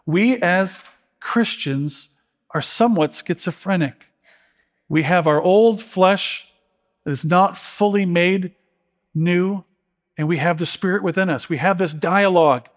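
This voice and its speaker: A man's voice: high voice, a little slow. A middle-aged man preaching a sermon as pastor, earnest and emotional, often restarting his words.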